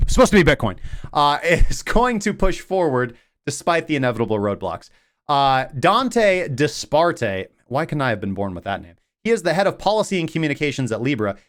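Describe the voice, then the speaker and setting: A young man reads crypto headlines on his livestream and keeps breaking off into sarcastic jokes and mock voices. His pitch swings widely from line to line, and his middle-range voice stays lively throughout. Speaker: crypto news show host. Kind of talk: livestreamed news commentary.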